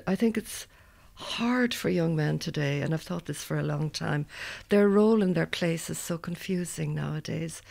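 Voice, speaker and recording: A woman's voice: low-pitched, creaky, darkish tone. An outspoken Irish woman in her seventies, talking freely in a roundtable discussion. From Ireland. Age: 70s. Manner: outspoken, talkative. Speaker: roundtable guest. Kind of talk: casual discussion.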